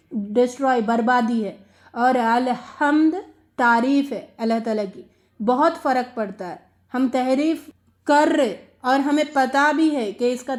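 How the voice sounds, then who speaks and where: A woman's voice: sits high, darkish tone. A woman giving a religious lesson on Quran recitation, earnest and questioning, repeating phrases for emphasis and mixing in English words. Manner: mixes English words into speech. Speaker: Quran teacher. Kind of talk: religious lecture.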